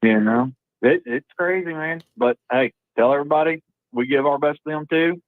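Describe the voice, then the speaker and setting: A man's voice: a little high, moderate pace, no room sound. A man with an Oklahoma accent chatting casually with his brother on a phone call, easygoing and affectionate. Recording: dry, tinny phone line.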